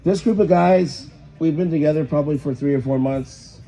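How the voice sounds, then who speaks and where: Hoarse, dark-voiced man with a worn-out voice. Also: fairly high pitch, normal speed, soft background music, low-quality recording. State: hoarse, voice nearly gone. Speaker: band lead singer and rhythm guitarist. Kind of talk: casual interview chat.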